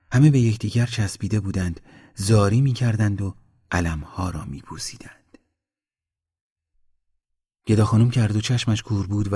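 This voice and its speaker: A man narrating a story in a measured, steady reading. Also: sits low, husky.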